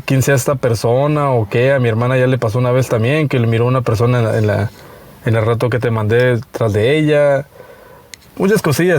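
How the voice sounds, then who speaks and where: A man in his thirties with a Mexican accent, telling a personal story in a casual, halting way with many restarts. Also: mid-range voice, darkish tone. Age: 30s. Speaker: listener sharing a story.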